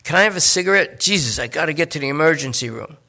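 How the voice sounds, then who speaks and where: A man voicing a jittery, talkative male junkie who rambles and pleads in fast bursts. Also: a little high, lively intonation, vocal fry, bright, forceful tone, voice pushed up, exaggerated voice. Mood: pleading.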